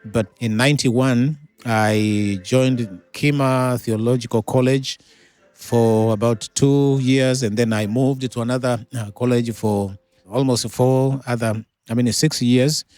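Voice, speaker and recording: A middle-aged man from Tanzania, a pastor, telling his life story as an interview guest in an unhurried way with many pauses and fillers. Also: medium pitch, fairly even intonation, darkish tone.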